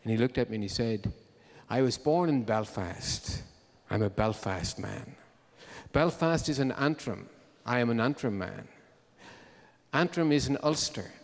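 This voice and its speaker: Hosting a live music show in a concert hall, a man tells the audience a comic story with droll timing. His mid-range voice is expressive and a little slow, and the venue adds a long hall reverb.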